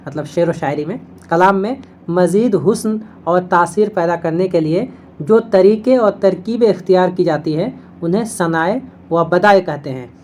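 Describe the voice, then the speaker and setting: Woman, teacher, lower voice, step-by-step explaining, slow verse reciting, faint background noise. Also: darkish tone. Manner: explains step by step, often checking in with "theek hai". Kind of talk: exam-prep video lesson.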